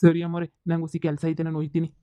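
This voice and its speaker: A man's voice: fairly high pitch, monotone, mellow, clear, resonant tone, no echo, studio quality, close to an everyday voice. A man voicing a deferential, gossiping village farm servant in a cartoon comedy. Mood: tattling. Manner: deferential, tattling, rapid.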